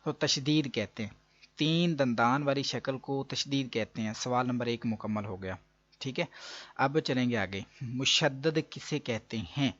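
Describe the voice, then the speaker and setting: A man's voice: mid-range voice, a little slow, fairly bright tone, lo-fi sound. A man teaching an online recitation lesson, explaining patiently and repeating each rule step by step. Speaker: Quran reading teacher.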